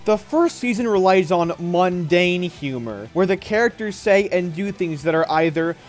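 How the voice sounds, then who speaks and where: A man's voice: high voice, animated, moderate pace, over loud music. Sarcastic man ranting in a review. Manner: sarcastic, dismissive. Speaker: reviewer in a played clip. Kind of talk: scripted review rant.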